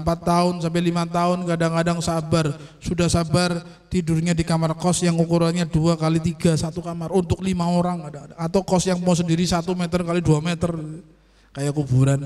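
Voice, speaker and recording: A man teaching an online sermon on Sufi patience, explaining slowly and checking that his listeners understand. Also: on the high side, a little mellow. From Indonesia. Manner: explains slowly, asks "understand?" often, acts out quoted voices. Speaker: religious teacher.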